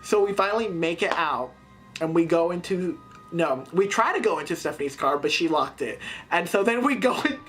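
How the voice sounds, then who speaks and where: A teenage girl excitedly retelling a scary night out in a casual storytime, with many fillers and sudden jumps in pitch. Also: normal speed, soft background music. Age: teens. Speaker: vlogger.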